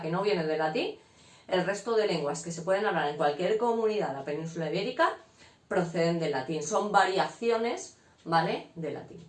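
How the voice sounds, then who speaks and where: A woman, teaching a casual lesson to her students and checking in often with short questions as she explains. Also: lowish voice. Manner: frequent "¿vale?" check-ins, explanatory. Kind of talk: casual classroom lecture. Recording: echoey room.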